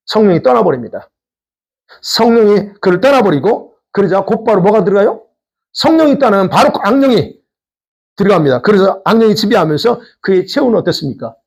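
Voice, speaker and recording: A man's voice: high-pitched, a little mellow, slightly rough. A man pastor preaching a sermon in a conversational way, posing questions to the congregation. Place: church sanctuary.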